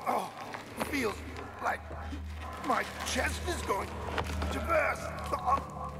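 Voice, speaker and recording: An actor playing a terrified man who is trapped and dying in agony, with strained shouting. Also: very high voice, expressive, slow pace, heavy background noise, exaggerated voice. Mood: panicked. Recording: game audio with loud music behind.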